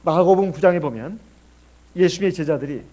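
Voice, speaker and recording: Middle-aged korean pastor from jeolla, fairly high voice, chatty sermon, keeps asking the room questions. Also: male voice, brisk, warm tone. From Jeolla, South Korea. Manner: conversational preaching with rhetorical questions.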